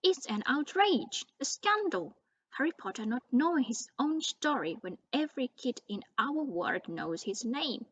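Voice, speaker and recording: Blustering rustic giant of a man, loud and gruff, read by a woman; storybook role. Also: fairly high pitch, moderate pace, no echo, highs cut off. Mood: indignant. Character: huge gruff bearded male giant groundskeeper.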